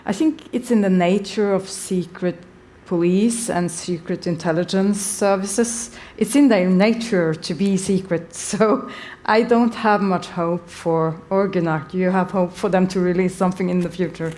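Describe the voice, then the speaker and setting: A woman's voice: fairly low pitch, steady tone, unhurried, darkish tone. A woman, a podcast host earnestly answering audience questions at a live event.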